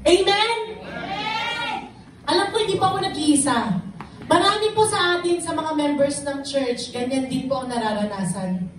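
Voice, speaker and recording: A woman with a Filipino accent shares an earnest, emotional testimony in a church. Her voice sits high. The echoey hall recording has her sounding distant from the mic. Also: normal speed, long pauses, noisy background. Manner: emotional, earnest, mixing Tagalog and English. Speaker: church member giving testimony.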